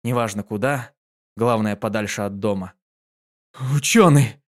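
Man calmly reading a story aloud. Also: mid-range voice, a little fast. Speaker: narrator. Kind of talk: audiobook reading of a fan story.

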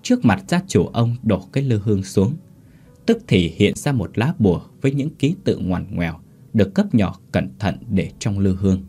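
Husky low male storyteller. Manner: steady, measured storytelling. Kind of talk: scripted narration.

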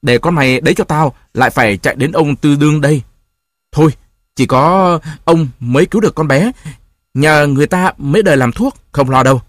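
A man's voice: fairly high pitch, brisk, dry recording, studio quality, pitched above the performer's own voice, natural voice. A man voicing a stern older village woman who snaps and scolds. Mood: scolding. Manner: snapping, scolding.

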